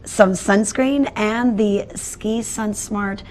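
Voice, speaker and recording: Brief: woman host, mid-pitched, chatty, morning TV interview. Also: steady tone, slow, darkish tone. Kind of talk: upbeat TV interview. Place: TV studio.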